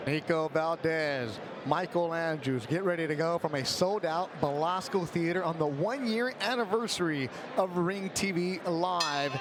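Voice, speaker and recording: A man's voice: high voice, moderate pace, hardly any pauses, crowd noise. A man hosting live boxing commentary, building hype and stretching out the fighters' names. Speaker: boxing broadcast host and play-by-play commentator. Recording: loud venue noise behind commentary. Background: noisy fight venue.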